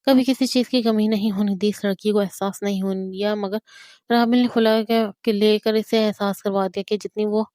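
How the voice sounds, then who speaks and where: Lady reading a romance novel aloud, steady, mid pitch, dry close sound. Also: moderate pace, no room sound. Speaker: narrator. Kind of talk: audio novel narration.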